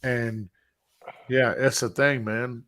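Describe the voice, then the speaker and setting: A man hosts a live-streamed podcast in a loose, talkative way, jumping in and doubling back on his words with lively energy. His voice sits mid-range and the sound is dry and close, with no room around it. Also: medium pitch, slow, no room sound. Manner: animated, interrupts and repeats himself. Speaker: podcast host. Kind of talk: casual chat.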